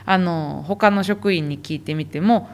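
Woman, zoo animal specialist, lower voice, patient detailed explanations, podcast interview. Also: unhurried.

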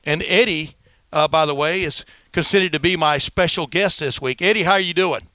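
A man hosts a sports podcast with folksy, digressive commentary. His voice is bright and clear, slightly high for a man, and sounds close and dry. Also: brisk, no room sound. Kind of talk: chatty sports commentary and interviewing.

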